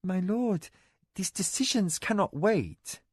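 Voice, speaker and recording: A poised young noblewoman speaks in a flat, controlled tone, put on by a male audiobook narrator. Her voice sits a little higher and softer, deliberate and slow. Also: husky, no echo, studio quality, exaggerated voice. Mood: restrained. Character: composed young noblewoman, quietly determined wife.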